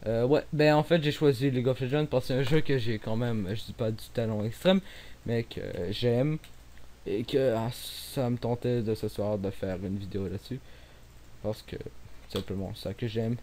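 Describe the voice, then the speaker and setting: Here a young man from Quebec, with a Québécois French accent, offers casual commentary on his own gameplay at a moderate pace. His medium-pitched voice is mellow; he rambles, fills gaps, restarts often, and occasionally nearly mumbles, with a faint hiss present.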